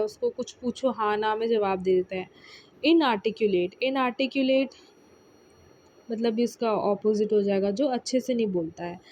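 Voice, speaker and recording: A woman's voice: on the high side, darkish tone. Woman teaching vocabulary with patient repetition. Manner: explains patiently, repeats key words, many fillers. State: tired. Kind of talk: casual Hinglish vocabulary lesson.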